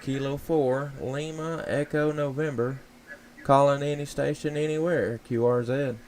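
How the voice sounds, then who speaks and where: A man's voice: mid-range voice, steady tone, a little mellow, a little hiss or hum. Man making a ham radio call. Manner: repetitive, measured calling cadence. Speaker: ham radio operator on the air. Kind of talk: ham radio call, calling CQ with phonetic alphabet.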